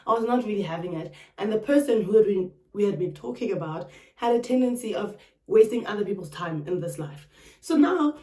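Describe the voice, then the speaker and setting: A young South African woman vlogger telling a personal story in a dramatic, expressive way, with sharp retorts. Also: medium pitch, fairly quick. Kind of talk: storytime chat. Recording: roomy, a bit distant from the mic.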